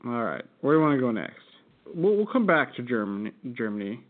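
A man's voice: mid-range voice, very animated, fast. Casting: American guy, podcast co-host, rambling laughing storyteller, thin phone-line sound. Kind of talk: casual chat. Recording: tinny phone-like audio.

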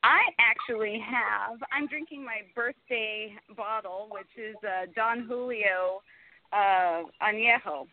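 A woman's voice: mid-range voice, slow. A woman chatting casually as a guest on a radio show. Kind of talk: casual chat. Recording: muffled phone-like line.

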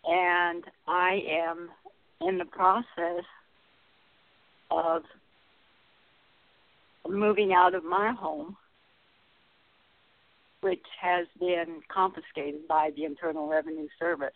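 A woman calling in to a radio show. Her voice comes through a distant, tinny phone line, as if from inside a tin can, and she talks haltingly, searching for words. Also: fairly low pitch, dry recording. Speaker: caller. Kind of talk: call-in radio talk.

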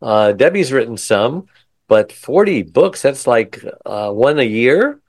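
An upbeat man hosts an interview podcast and drops quick asides between questions. His voice sits in the middle range and sounds close and dry, with no room around it. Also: medium pitch, big pitch swings, no echo. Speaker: podcast host. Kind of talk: interview hosting.

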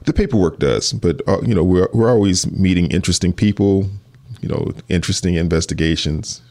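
A man with a very deep voice answers as a police detective. He speaks earnestly but haltingly, often restarting his sentences. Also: a little mellow. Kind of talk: interview answers.

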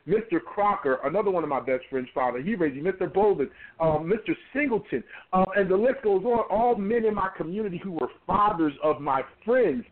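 A man in his forties, a pastor, speaks with conviction, repeating words as he drives his point home. His voice sits a touch high for a man. It comes through a thin, tinny phone line. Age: 40s. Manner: emphatic, repeats words while building a point. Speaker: pastor and interview guest. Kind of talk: conversational interview.

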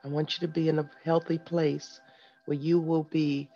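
A man's voice: fairly high pitch, little pitch movement, normal speed, mellow. A man hosting a guided meditation and motivational segment, speaking to listeners directly in short, instructing phrases. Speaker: host of a morning wellness segment. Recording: dull lo-fi sound with music behind. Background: music.

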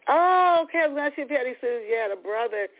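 Halting woman radio host, tinny sound. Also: high voice, lively intonation. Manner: halting, repeats words. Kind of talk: radio interview.

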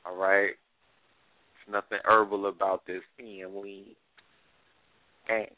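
Low, flat-voiced radio host. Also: male voice, slow pace, dry recording. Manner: laid-back slang, steering the show. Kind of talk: casual radio hosting. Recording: phone-like lo-fi audio.

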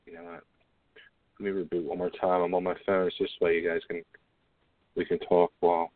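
Heard over a tinny, dry phone line with no room sound, this co-host speaks low, slightly fast, and completely flat. His casual chat on the show rambles loosely and is packed with fillers.

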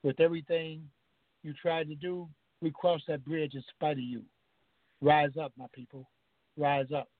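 A man on a phone line reads his spoken-word poem with a steady rhythm and hard-hit refrains. His voice sits a little high for a man. The line is thin and tinny, and dry and close. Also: normal speed, no echo. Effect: over the phone. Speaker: caller reciting his poem. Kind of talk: spoken-word poetry reading.

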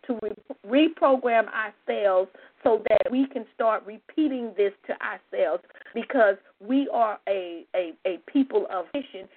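A woman giving an informal spiritual lesson, repeating her points emphatically with frequent "you know" asides. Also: on the high side. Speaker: spiritual teacher. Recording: tinny phone-like sound.

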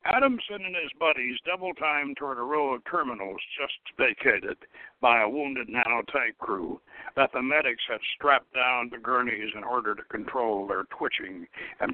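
A man reads his own satirical sci-fi novel dramatically as host, tripping over words at times and fixing them. His medium-pitched voice moves at a moderate pace with no echo, heard through a lo-fi radio line that sounds like a phone.

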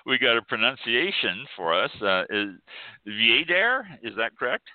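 A man's voice: medium pitch, normal speed, no echo. A man hosting a live radio wine show, chatting casually and laughing now and then. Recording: phone-line sound.

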